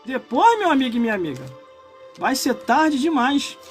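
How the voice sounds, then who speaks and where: A man in his forties with a Brazilian Portuguese accent, preaching a live-streamed sermon. He swells into impassioned shouts and breaks off for chatty asides to his viewers. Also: very high voice, very animated, moderate pace, soft background music. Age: 40s. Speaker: pastor.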